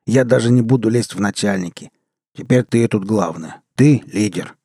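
A man voicing a rough, crude Siberian man in an audiobook, gruff and swearing. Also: lowish voice, moderate pace, dark tone, dry recording, studio quality. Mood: mocking. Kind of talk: audiobook character reading.

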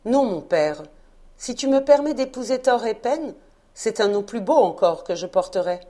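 A woman's voice: a little high, lively intonation, moderate pace, warm tone, lightly acted. A woman voicing a proud young peasant daughter. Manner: earnest, pleading.

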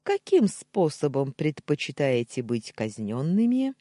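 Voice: medium pitch, sing-song, measured pace, dark tone, no echo, studio quality. Narrator voicing a hot-headed young man. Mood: mocking. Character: hot-tempered young man, loud and pushy.

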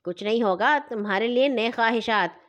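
A woman voicing a jolly man who judges a horse show, hearty and brisk, in a storybook. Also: fairly high pitch, fairly bright tone, close to an everyday voice.

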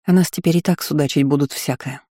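A man's voice: fairly high pitch, fairly even intonation, quick pace, mellow, husky, no echo, clean studio sound. A man voicing a fierce, protective young noblewoman in an audiobook, speaking with impassioned indignation. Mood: indignant.

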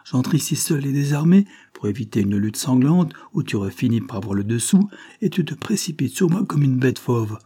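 A man's voice: mid-range voice, lively intonation, moderate pace, mellow, slightly rough, voice pushed up. A man voicing a shrewd, orderly police agent. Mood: reproachful. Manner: cool, reproachful and lecturing.

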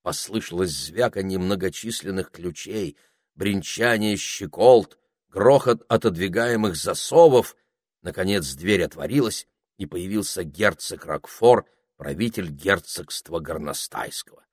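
A man narrating a storybook in a measured, descriptive way. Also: low-pitched, dry recording, studio quality. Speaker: audiobook narrator.

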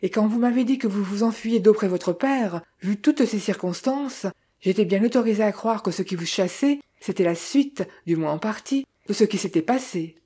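A woman reading an earnest young gentleman adventurer. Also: medium pitch, moderate pace, husky, natural voice.

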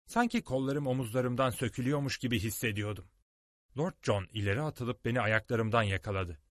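A man narrating a storybook audiobook in an expressive, dramatic way, recorded on a close studio mic. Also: mid-range voice, fairly quick, no room sound.

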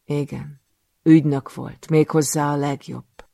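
A man reading an audiobook, voicing a cruel, scheming male cult master who speaks slowly and with menace. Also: on the high side, steady tone, vocal fry, warm tone, no echo, studio quality. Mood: sneering.

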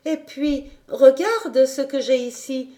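A woman voicing an excited, sweet young girl in a storybook reading. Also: high voice, unhurried, voice pushed up. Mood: eager.

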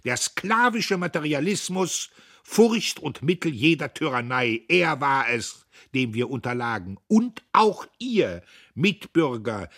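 A man's voice: on the high side, big pitch swings, takes it slowly, a bit bright, pitched above the performer's own voice, heavily acted. A man voicing a fiery old male orator who declaims passionately to a hall, reading a novel aloud. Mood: impassioned.

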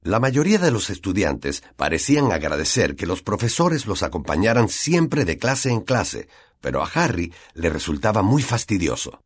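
Brief: Latin American male audiobook narrator, lowish, animated. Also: moderate pace, breathy edge, no room sound, clean studio sound. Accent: Latin American Spanish.

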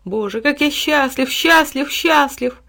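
Cast: an eager little boy, raised and bright, exclaiming with wonder, voiced by a woman narrator. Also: on the high side, lively intonation, brisk, voice pushed up. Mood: excited. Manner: bright, wide-eyed, exclaiming. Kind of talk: audiobook fairy tale reading.

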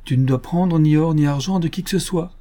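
A man's voice: on the high side, a little fast, mellow, pitched above the performer's own voice, natural voice. Man reading as a stern young merchant. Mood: grave. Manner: grave, severe delivery. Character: stern young male merchant, cold and grave.

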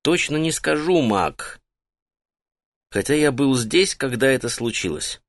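A knowing male guide carried in a litter, who answers questions slowly and deliberately, as a male narrator takes on his part. His voice is mid-pitched and dry. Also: animated, no echo. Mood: explaining.

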